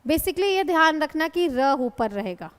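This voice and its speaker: A woman's voice: high-pitched, sing-song, measured pace. A woman teaching Hindi grammar in a classroom lecture. She explains patiently, asks her students questions and calls them "beta". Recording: long hall reverb.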